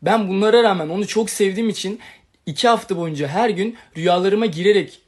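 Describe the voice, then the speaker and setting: Young man, livestream monologue, agitated, rambling, high-pitched. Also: quick pace. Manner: agitated, rambling, retells quarrels with quoted lines.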